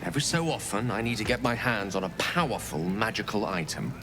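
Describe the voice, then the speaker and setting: An actor playing a courtly, theatrical wizard in a video game, eloquent and earnest. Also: male voice, lowish voice, expressive, brisk, noisy background, lightly acted. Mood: earnest, confiding. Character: courtly, theatrical male wizard with urgent secret hunger. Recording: game music behind the voice.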